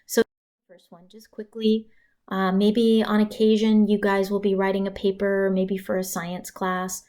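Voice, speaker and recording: A woman's voice: mid-range voice, darkish tone. A woman teaching punctuation in a recorded slide lecture, talking conversationally with casual asides. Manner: conversational, asides and dramatic pauses for emphasis. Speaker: writing instructor.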